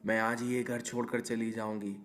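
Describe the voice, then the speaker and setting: Guy voicing a young newlywed wife in a cartoon story, indignant and complaining, mid pitch. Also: level tone, normal speed, a bit bright, slight background noise, close to an everyday voice. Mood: angry. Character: young newlywed wife, quick-tempered and demanding.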